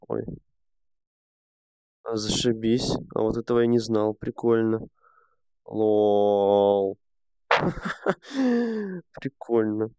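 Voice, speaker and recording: A man's voice: on the low side, dark tone, clean tone, no echo. A young man streaming a game, grumbling and swearing to himself in casual commentary. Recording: dull lo-fi sound.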